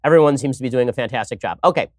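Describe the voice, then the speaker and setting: Speaking in a mid-range voice, a man hosts an opinion-driven political commentary show, sardonic and quick as he shifts between segments. Slight background noise can be heard.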